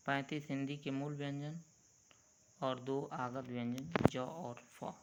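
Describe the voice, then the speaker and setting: A man teaching a lesson at an unhurried, deliberate pace. He explains step by step and stretches out each sound he demonstrates. His voice sits at an ordinary pitch for a man. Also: fairly even intonation, heavy background noise. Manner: slow, measured, drawn-out letter sounds.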